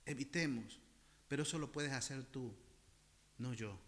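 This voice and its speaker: A man with a medium-pitched voice delivers an impassioned sermon as pastor at a measured pace. He often calls his listeners brothers, repeats phrases for emphasis, and swings between loud and soft.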